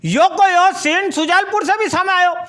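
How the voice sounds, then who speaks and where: A woman's voice: extremely high pitch, normal speed, loud music behind the voice. A woman presenting a local news bulletin in a Malwi accent, with a chatty, folksy storytelling delivery.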